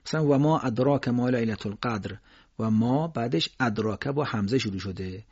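A man gives a recitation lesson in a husky, mid-pitched voice, moving between calm explanation and slow, drawn-out chanted examples. The recording is dry and somewhat muffled, with no room around it. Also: dry recording. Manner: explains calmly, then slowly chants drawn-out Quranic examples. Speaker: Quran recitation teacher.

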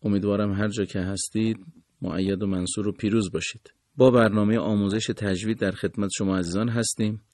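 A man teaching Quran recitation on a radio lesson programme, speaking in a formal, polite and measured way. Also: fairly low pitch, steady tone, a little mellow, no room sound, clean studio sound.

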